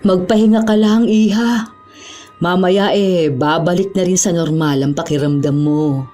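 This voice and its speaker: A woman's voice: lowish voice, a little slow, mellow, faint music behind, natural voice. A woman voicing a sly female clinic assistant who teases and insinuates. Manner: teasing, insinuating. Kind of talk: audio drama acting.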